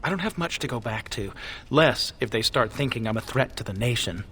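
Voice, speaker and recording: A nervous, sardonic spy. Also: male voice, mid-range voice, animated, a little fast, a bit bright, slightly rough. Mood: anxious.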